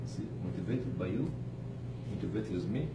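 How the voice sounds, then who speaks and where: A man with an exceptionally lively pitch motivates charity workers through a casual religious talk in front of a live audience. His delivery is forceful and paced with pauses and rhetorical questions, recorded from afar in an echoing room with obvious noise.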